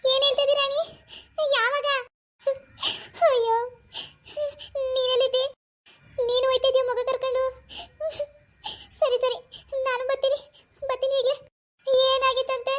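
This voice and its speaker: A woman doing a shrill, tearful young village wife. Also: flat delivery, normal speed, pauses often, a bit bright. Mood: alarmed. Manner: shrill, pleading, sobbing. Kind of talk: animated cartoon voice acting.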